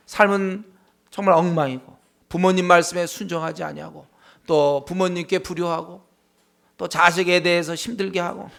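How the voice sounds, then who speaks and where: Male pastor, high-pitched, Bible study sermon, emphatic with rhetorical questions. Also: creaky, a bit bright. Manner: emphatic, rhetorical questions, frequent affirming "yes".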